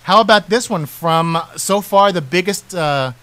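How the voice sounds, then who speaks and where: Chatty male radio host, slightly high, reading film trivia. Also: a little slow, sharp tone, no echo. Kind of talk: casual movie trivia chat.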